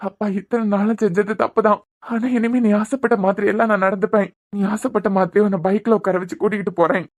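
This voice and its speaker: A woman's voice: mid-range voice, level tone, fast talker, natural voice. Sad begging dad in a cartoon, woman doing him, kanyakumari accent, keeps saying the kid's name. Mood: pleading. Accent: Kanyakumari Tamil. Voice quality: pleading, sorrowful, repeating the child's name. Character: grieving young father, a doctor, pleading with his daughter. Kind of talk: cartoon voice acting.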